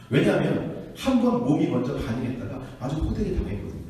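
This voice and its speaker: A man preaching a sermon to a youth group, telling stories in an animated way and acting out the people in them. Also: medium pitch, a little hiss or hum. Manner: animated storytelling, acting out quotes. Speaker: youth pastor. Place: church hall. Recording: echoey hall from far off.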